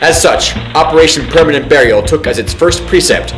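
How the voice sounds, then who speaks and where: A man plays a grave, officious military briefing narrator, reading a mock government film in a formal, pompous way with deliberate enunciation. His natural voice is a little high and fairly bright, sounding reverberant. Music plays behind him, and the audio quality is poor.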